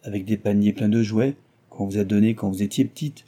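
A gentle middle-aged nobleman speaking in an earnest, tender way, as a male storyteller reads him. The voice is low and very dark, with a husky texture. It is an audiobook reading. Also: a little fast, lightly acted.

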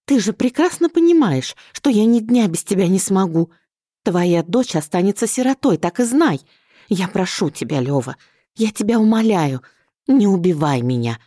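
A woman voicing a distraught middle-aged mother who pleads and reproaches in a shrill, wailing voice. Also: very animated, moderate pace, warm tone, no room sound, studio quality. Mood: sobbing pleas.

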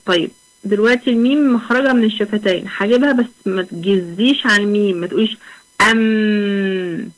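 A young woman with an Egyptian accent teaching a Quran recitation lesson online. She talks patiently, asks questions and answers them herself, and draws out the example words slowly. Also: mid-range voice, poor audio. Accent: Egyptian Arabic.

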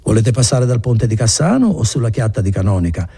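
A man voicing a nosy, sly innkeeper who speaks in insinuations, with a raised, raspy voice in an audiobook reading. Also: on the low side, sing-song, a little fast, dark tone, voice pushed up, heavily acted.

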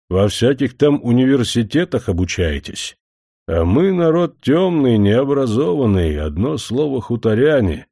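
A stern, weary old grandfather grumbles in gruff, old-fashioned village speech, as a man reads him in a story. The voice is mellow and dark and moves a lot. The recording is close and dry. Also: medium pitch, dry recording.

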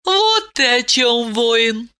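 Woman doing a high ageless princess. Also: sing-song, drawn-out words, sharp tone, exaggerated voice. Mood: regal, tender. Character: ancient princess, stern yet tender woman.

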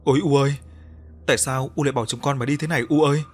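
A man's voice: mid-range voice, fairly even intonation, rapid-fire, natural voice. Man doing a child wailing for a dead mother. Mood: wailing grief. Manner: loud wailing lament.

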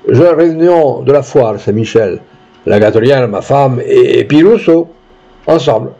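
Brief: man playing a bumbling country farmer, halting and rustic, lively pitch, husky. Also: highs cut off. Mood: rambling. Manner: halting, rustic dialect speech. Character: clumsy peasant man telling a rambling story.

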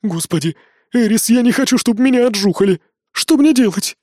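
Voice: mid-range voice, animated, moderate pace, mellow, no room sound, pitched above the performer's own voice, natural voice. A reader voicing a panicky, boastful young man who stammers and pleads in a dry-sounding storybook reading. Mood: flustered. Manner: flustered, pleading.

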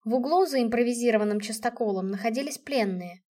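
A woman reads a first-person story aloud with lively expression. Her voice sits fairly high. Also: fast talker. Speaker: audiobook narrator.

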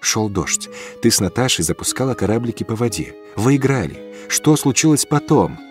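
A man's voice: mid-range voice, big pitch swings, moderate pace, faint music behind, lightly acted. A man voicing a blunt, weary woman who questions a ghost, in an audiobook reading. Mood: pressing. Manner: insistent, pushy questioning.

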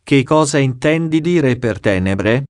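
A man's voice: medium pitch, animated, a little slow, dry recording, studio quality, lightly acted. Man reading a pious princess questioning a ghost. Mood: earnest. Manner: earnest, persistent questioning. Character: pious noblewoman questioning a spirit.

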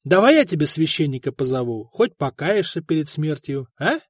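A man's voice: fairly high pitch, big pitch swings, normal speed, husky, no room sound, clean studio sound. A man voicing a sly male court notary who talks with false, sarcastic sympathy.

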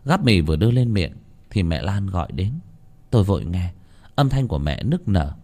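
A man narrates a ghost story with dramatic expression. His voice sits low but moves through a wide, lively range. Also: moderate pace.

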